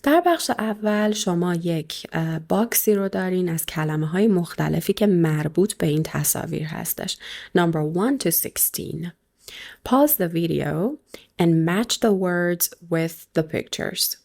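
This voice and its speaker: A woman teacher giving a recorded video lesson, explaining in Persian and saying English words slowly and clearly. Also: fairly low pitch, expressive, a little mellow.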